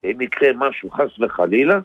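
A man's voice: medium pitch, animated, husky, no echo, phone-quality sound. A man performing a comic phone sketch on the radio, swerving animatedly between voices. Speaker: radio comedian.

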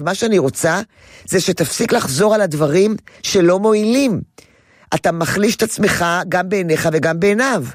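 A woman's voice: medium pitch, dry recording, studio quality. A woman giving parenting advice to a caller in an emphatic, repetitive way. She often acts out a child's voice. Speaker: parenting advisor.

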